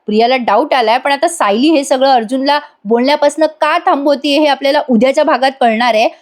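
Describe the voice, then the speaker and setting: High-voiced woman recapping a soap episode. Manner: fast storytelling, addresses the audience directly. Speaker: serial episode reviewer.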